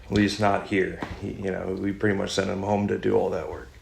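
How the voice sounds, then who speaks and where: A man's voice: low voice, flat delivery, brisk, gravelly, a little hiss or hum. A young man co-hosting a podcast from a cold garage, coughing as he recovers and cracking dry, crude jokes. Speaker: podcast co-host. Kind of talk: casual banter. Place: unheated home garage. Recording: echoey garage recording.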